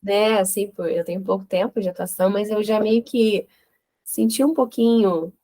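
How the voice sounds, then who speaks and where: A woman who is new to working as a therapist, talking enthusiastically and quickly in a group discussion. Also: mid-range voice, fairly even intonation, mellow.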